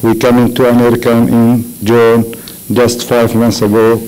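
A man from Syria speaks slowly and haltingly, restarting his phrases as he goes. His voice stays flat and even but sounds smooth and clear. He talks into a table mic in a large hall. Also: mid-range voice. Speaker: refugee panelist. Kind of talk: personal testimony at a panel. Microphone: table microphone.

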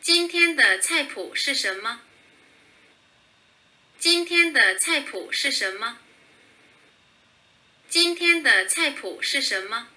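A woman reading a short phrase very slowly and carefully as a pronunciation model. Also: high voice, expressive, bright, forceful tone. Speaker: native speaker reading phrases.

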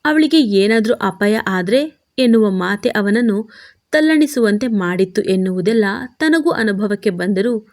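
A woman storyteller reading a serialized romance story in steady, expressive narration. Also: mid-range voice, measured pace.

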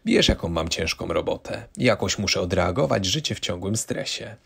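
A man's voice: deep voice, expressive, normal speed, gravelly, fairly bright tone, slightly rough, full character voice. A man reading a condescending gambling husband. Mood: patronizing. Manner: condescending, defensive. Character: smug middle-aged husband, dismissive gambler.

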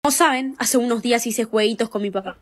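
A woman narrates a short scripted storytime. Her voice sits a touch high and her telling is mock-dramatic and deadpan. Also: fast.

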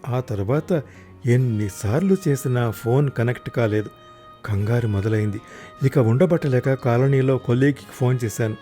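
A man narrating a first-person audio story, raising his voice loudly in the angry husband's lines. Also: medium pitch, moderate pace, soft background music.

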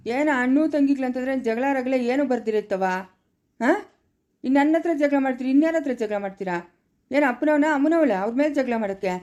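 A woman playing a mellow, steady elder brother. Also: high-pitched, brisk, lo-fi sound, close to an everyday voice. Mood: coaxing. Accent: Chikkaballapura Kannada. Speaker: actor in a family drama. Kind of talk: village family drama acting.

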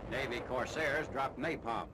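A man narrating a 1940s wartime newsreel in a brisk, authoritative announcing manner, from an old newsreel soundtrack. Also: mid-range voice, loud music behind the voice. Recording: old newsreel with loud noise.

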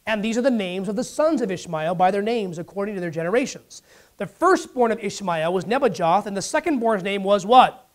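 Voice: mid-range voice, lively intonation, brisk. A preacher giving a sermon, asking the congregation for responses and acting out Bible figures in dialogue.

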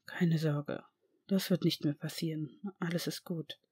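A reader voicing a stern, brooding man, a potions master and father, speaking low with controlled anger. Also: steady tone, normal speed, a little mellow, lightly acted. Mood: soothing. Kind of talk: audiobook fan reading.

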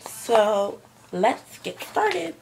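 Young girl vlogging in her room, kinda high voice, lots of ums, noisy camera mic. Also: sing-song, extremely slow, creaky, a little mellow. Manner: chatty, rambling with many fillers. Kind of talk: casual show-and-tell vlog. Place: her bedroom. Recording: home video with background noise.

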